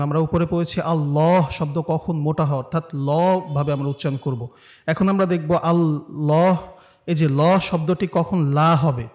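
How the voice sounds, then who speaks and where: A man with a Bangladeshi Bengali accent teaching Quran recitation. He patiently explains pronunciation rules, then stretches each word slowly so learners can repeat after him. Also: on the high side. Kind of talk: step-by-step recitation lesson.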